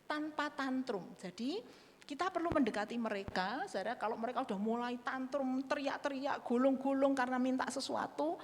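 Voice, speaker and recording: A middle-aged woman giving a sermon on parenting, animated, addressing the congregation directly. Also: high voice, normal speed. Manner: animated, acts out parent-child dialogue. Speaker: speaker on parenting. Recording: hall with long reverb.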